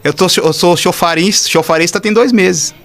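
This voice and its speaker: Brazilian pastor guy telling wild church stories, kinda high voice, gets loud and shouty. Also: normal speed. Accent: Brazilian Portuguese. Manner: excitable storyteller, shouts and sound effects. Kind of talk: animated testimony in casual chat.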